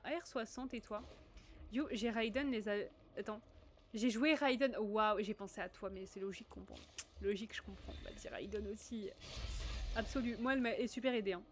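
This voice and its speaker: A woman's voice: fairly high pitch, a little hiss or hum. Chatty French woman streaming a game. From northern France. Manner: chatty, reads chat aloud, sudden excited outbursts. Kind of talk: casual gaming livestream chat.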